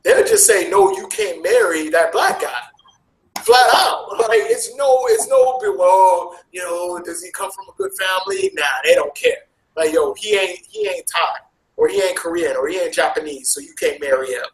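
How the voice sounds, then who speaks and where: A man with an American accent, talking casually as an interview guest, animated and jumping sharply in pitch. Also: normal speed, reverberant, rough recording. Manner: animated, with big jumps in pitch. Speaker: interview guest, travel vlogger. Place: Asia.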